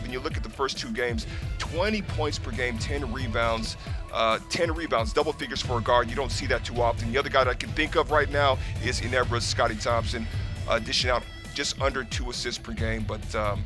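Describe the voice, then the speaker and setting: Male sports analyst, mid-pitched voice, emphatic live commentary, repeated phrases, loud music behind. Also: moderate pace. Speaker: basketball analyst, color commentator.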